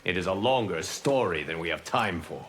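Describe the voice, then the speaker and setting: A male actor with a low voice plays a calm, solemn, merciful guardian god in a video game. He speaks in a measured, formal, earnest manner.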